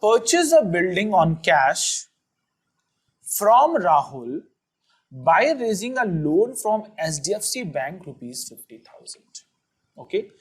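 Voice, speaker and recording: Lively North Indian teacher voice. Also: medium pitch, slow pace, slightly rough. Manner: didactic, asks and answers own questions, repeats phrases. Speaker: accounting teacher. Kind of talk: explanatory lesson to students.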